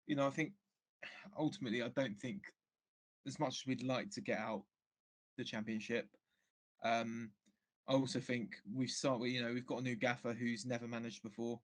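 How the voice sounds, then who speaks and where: A man's voice: mid-range voice, steady tone, moderate pace, long pauses. A man guesting on a football podcast as a fan, speaking in casual chat with frequent restarts. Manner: hesitant, many restarts and fillers.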